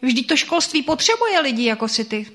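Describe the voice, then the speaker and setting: A prying older schoolteacher who will not let a question drop, as a woman reading the story puts her on. She sits a touch higher in pitch than the narrator and presses every point. Her questions come quick and sharp. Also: sing-song, exaggerated voice. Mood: pressing. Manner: insistent, interrogating. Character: strict older female former teacher, sharp-tongued and probing.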